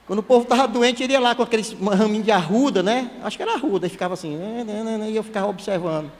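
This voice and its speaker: A man, a church elder preaching a sermon in a lively, conversational way with joking asides. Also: sits high, rapid-fire. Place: church hall. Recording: long hall reverb.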